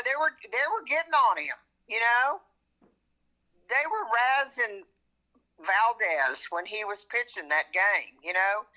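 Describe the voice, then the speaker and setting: A woman's voice: mid-range voice, bright, forceful tone, poor audio. A woman chatting casually about sports as an easygoing, agreeable fan. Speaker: regular guest.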